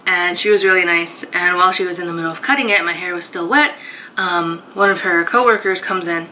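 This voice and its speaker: A young woman vlogging to her viewers in a chatty, animated way, often laughing. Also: on the low side, fairly quick, a little hiss or hum, rough recording. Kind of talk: casual chat to camera.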